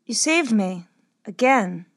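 A woman voicing Corley, a young cleric apprentice who speaks softly and fondly in an audio story. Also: on the high side, lively intonation, slow pace, exaggerated voice. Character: young female cleric apprentice, warm and teasing.

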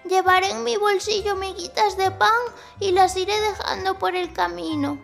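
A woman's voice: very high voice, steady tone, moderate pace, creaky, faint music behind, voice pushed up. A woman voicing a brave young boy who reassures others in a childlike way, in a children's storybook tale. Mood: reassuring.

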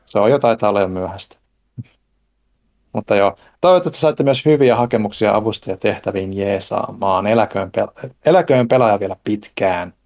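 A young man co-hosting a casual podcast chat, relaxed, at times reading a poem aloud slowly. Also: fairly low pitch. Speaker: podcast co-host.

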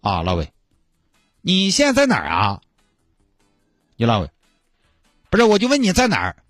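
A man voicing a puzzled man on the phone at home, speaking with a Sichuan accent, in a low mumbling manner. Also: wildly swooping pitch, moderate pace, fairly bright tone, no echo, studio quality, faint music behind, heavily acted. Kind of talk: comedy radio sketch.

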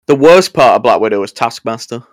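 Man, podcast co-host, animated and profane, dry close-mic sound. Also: mid-range voice, fairly quick, no room sound. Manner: sweary, animated, stammering restarts. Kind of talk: casual chat.

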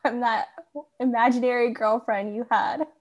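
A woman's voice: fairly high pitch, level tone, normal speed. A young woman co-hosting a casual chat, giggly and joking. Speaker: podcast co-host.

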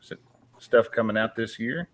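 A man chatting on a live stream, laid-back and halting, with many fillers. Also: medium pitch. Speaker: guest channel creator. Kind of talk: casual live stream chat.

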